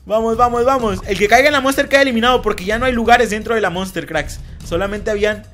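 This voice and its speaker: A young man hosting a multiplayer minigame, commentating with excited energy, shouting and laughing at the action. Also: sits high, quick pace, a little hiss or hum. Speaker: gaming youtuber hosting a minigame.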